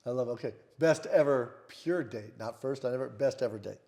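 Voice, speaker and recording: A man's voice: mid-range voice, creaky, darkish tone. A man hosting a podcast interview with playful, teasing asides. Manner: playful, teasing, quick reactions. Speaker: podcast host. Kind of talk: casual interview.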